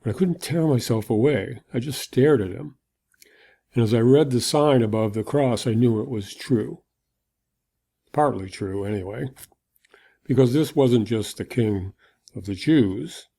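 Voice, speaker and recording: A man's voice: medium pitch, unhurried, vocal fry, pauses often, mellow. A man playing a weary Roman soldier in a dramatic monologue, telling his story in a reflective, conversational way. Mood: awed, reflective. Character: weary Roman soldier recounting an execution, awed.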